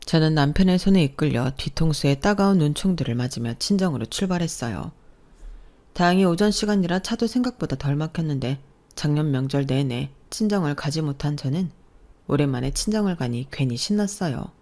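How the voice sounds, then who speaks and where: A woman's voice: low voice, expressive, fairly quick, mellow. A woman narrating a dramatic family story in the first person for a radio drama, in a confiding tone.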